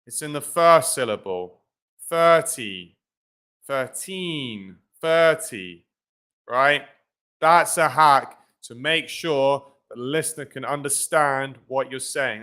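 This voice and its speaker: A man gives a live English pronunciation lesson, speaking slowly and deliberately. His voice is bright and crisp, with a clean, smooth tone. He keeps checking in with his viewers and calls them "guys". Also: medium pitch. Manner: informal, repeats "right?" and "guys", many fillers. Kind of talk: live-streamed lesson with screen share.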